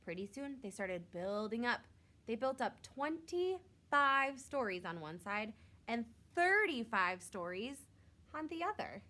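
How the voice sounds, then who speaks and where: A woman reading a picture book aloud to young children, expressively, drawing out words for emphasis like a teacher. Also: fairly high pitch. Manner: expressive, with drawn-out emphasis and questions to listeners.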